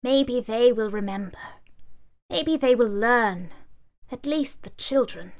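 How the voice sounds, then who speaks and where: A woman's voice: on the high side, lively intonation, pitched above the performer's own voice. A woman voicing a wise old storybook. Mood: wise solemn. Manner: measured, solemn. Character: old wise fairy-tale book, female, gentle.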